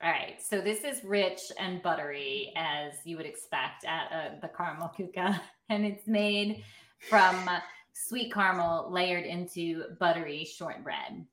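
A woman's voice: fairly low pitch, a little slow, a bit bright, roomy sound. A woman co-hosting a podcast in casual chat, playful and giggly, often tripping over her words. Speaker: podcast co-host.

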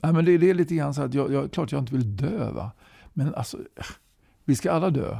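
Gravelly-voiced man in his sixties. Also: fairly high pitch, warm tone, no room sound, studio quality. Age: 60s. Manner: talkative, tags sentences with "va?". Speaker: guest, musician and movement leader. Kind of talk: casual conversational interview.

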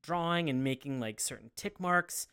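Animated, rambling man in casual comedic chat. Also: fairly high pitch, normal speed, smooth. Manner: rambling, animated, acts out imagined dialogue. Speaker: podcast panellist.

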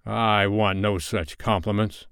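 A man voicing a brooding, vengeful, petulant pirate captain for a storybook, with slow, dark, menacing delivery. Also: lowish voice, clear, resonant tone, no echo, studio quality, natural voice. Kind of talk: storybook character voice.

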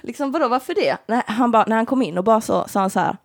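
Woman co-host, chatty anecdote style, gravelly tone, dry booth sound. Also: fairly high pitch, expressive, dry recording. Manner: chatty anecdotes, quotes people, laughs loudly. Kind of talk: casual chat.

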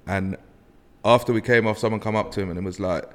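A young man who is a stand-up comedian, chatting casually with a relaxed, dry delivery. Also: fairly low pitch, fast talker. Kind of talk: casual chat. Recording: reverberant room.

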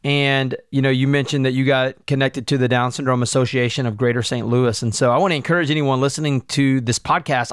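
Smooth-voiced male podcast host. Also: mid-range voice, no room sound, clean studio sound. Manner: earnest and encouraging. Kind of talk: podcast interview.

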